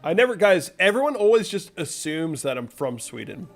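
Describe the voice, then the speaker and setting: A man's voice: on the high side, big pitch swings, moderate pace, vocal fry, soft background music. A young man from the United States hosting a casual livestream, talking through charts and answering viewers' chat messages. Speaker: crypto livestream host.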